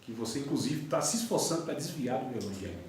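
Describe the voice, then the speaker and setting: A patient, fatherly God voiced by a man speaks low and hushed, calmly correcting. The voice sits deeper than the speaker's own. It is caught from a distance in a very echoey room. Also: fast, slight background noise, close to an everyday voice. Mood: weary. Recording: echoey classroom from far off.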